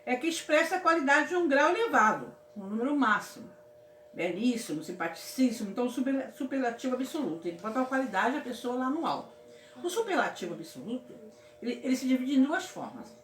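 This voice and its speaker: A woman from Brazil teaching a casual grammar lesson in a fairly high voice. She keeps checking in with her students in an affectionate way. The room is echoey, with a faint hum of ambience behind her. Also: big pitch swings, a little fast, fairly bright tone. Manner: affectionate, repeats "certo, meus amores?".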